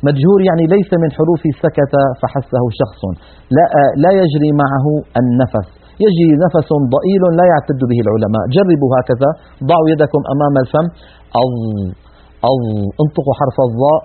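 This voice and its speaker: A man teaching Quran recitation, explaining in a measured, didactic way and repeating sample syllables aloud. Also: on the high side, slightly rough. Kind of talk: instructional lesson on letter articulation. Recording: tinny phone-like broadcast audio.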